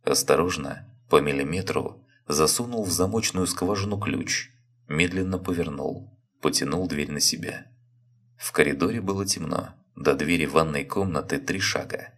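A man with an extremely deep, low voice reads a story aloud. His narration is calm and measured, paced like an audiobook. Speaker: reader.

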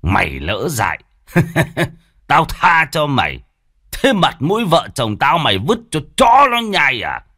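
A man voicing a stern, hot-tempered wealthy old village patriarch who scolds and shouts orders. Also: extremely low pitch, big pitch swings, measured pace, dry recording, clean studio sound, voice pushed down, heavily acted. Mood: furious.

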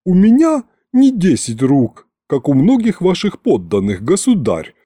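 A man's voice: on the high side, big pitch swings, slow pace, dark tone, no room sound, clean studio sound, exaggerated voice. A man doing a grumpy snappish butler. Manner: snappish and grumbling, raised voice.

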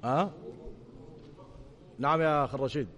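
A man's voice: fairly high pitch, moderate pace, fairly bright tone, in a large hall. A man teaching a religious lesson as a sheikh, explaining points and often asking his students whether they follow. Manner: questioning students, checking understanding.

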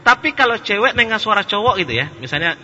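A man preaching at a religious study session, speaking casually, joking at times and growing loud and animated. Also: sits high, quick pace, a little hiss or hum. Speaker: Islamic preacher. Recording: dull, with a long echo in a hall.

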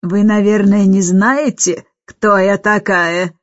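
Domineering older governess, loud and slow, barks every order, put on by a woman narrator. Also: mid-range voice, fairly even intonation, dry recording, muffled recording, close to an everyday voice.

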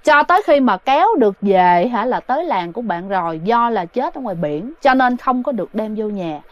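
This ghost story comes from a woman who talks chattily and directly to her audience, her slightly high voice brisk and expressive. The recording is dry and lo-fi.

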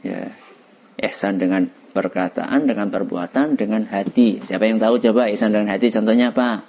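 A man's voice: lowish voice, normal speed, gravelly, breathy edge. A man teaching religion to a class of children, quizzing them and laughing along. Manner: lively, quizzing students, laughing. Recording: dull lo-fi recording.

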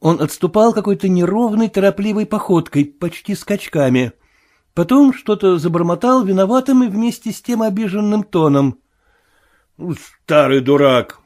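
Animated male audiobook narrator. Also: high voice, moderate pace.

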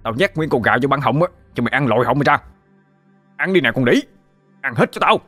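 A man voicing a hot-tempered, abusive husband, shouting and cursing. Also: mid-range voice, sing-song, moderate pace, faint music behind, voice pushed up. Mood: furious.

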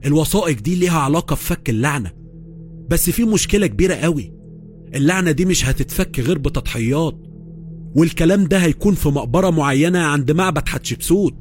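A woman's voice: deep voice, expressive, fast, darkish tone, faint music behind. A man voicing a worried young woman who is an expert in magic, with an Egyptian accent. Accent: Egyptian Arabic.

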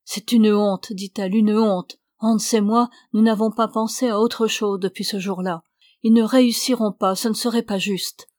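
A woman reading the lines of a brisk, outspoken middle-aged innkeeper woman in an audiobook, in a dry recording. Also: mid-range voice, steady tone, a little mellow, no room sound, close to an everyday voice. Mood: indignant.

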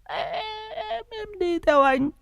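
A man's voice: very high-pitched, big pitch swings, very slow, creaky, fairly bright tone, dry recording, clean studio sound, voice pushed up, exaggerated voice. A man voicing a possessed young pregnant woman, wailing and crazed. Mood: crazed crooning.

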